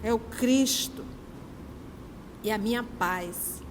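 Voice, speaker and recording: A woman leads a spiritist study group, teaching emphatically with lively personal anecdotes. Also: fairly high pitch, slow pace, big-room sound, slight background noise. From Manaus, Brazil. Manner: animated, emphatic, storytelling.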